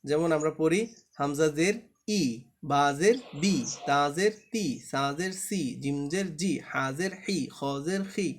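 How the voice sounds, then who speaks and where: Male teacher, fairly high voice, patient, repeats letter sounds for an online class. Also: unhurried. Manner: patient, drills letters aloud, asks the class to check understanding. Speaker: Quran reading teacher.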